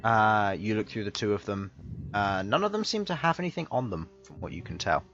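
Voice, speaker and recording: A man running a tabletop game as game master, describing scenes slowly with many fillers and pauses. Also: fairly low pitch, lively intonation, fairly bright tone. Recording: dull lo-fi mic, faint music behind.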